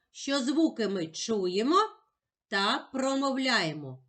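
A woman teacher giving a patient, encouraging lesson for young children, sounding words out slowly and carefully. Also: on the high side, a bit bright. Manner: slow, carefully sounded-out speech.

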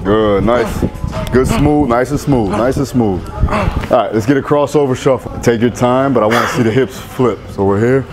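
A man's voice: medium pitch, normal speed. A man in his thirties coaching a workout in a gym, calling out punchy, repetitive commands and encouragement. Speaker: strength coach. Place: large indoor gym. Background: music.

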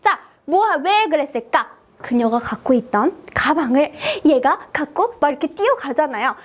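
A woman's voice: high-pitched, big pitch swings, normal speed. A woman teaching English to children in a playful, sing-song way, with exaggerated gasps and cheerful prompts. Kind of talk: children's language lesson.

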